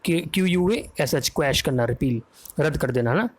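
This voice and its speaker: A man with an Indian accent teaching English vocabulary for an exam, talking fast in a quiz style and often checking that students follow. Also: fairly high pitch, expressive. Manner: fast, drills answers with repeated "है ना?" checks.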